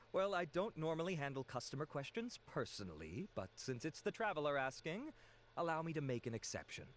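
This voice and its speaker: A man's voice: on the high side, a little hiss or hum. A man voicing a courteous, earnest cosmetics researcher in an English video game dub, speaking politely and formally. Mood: pleasantly surprised.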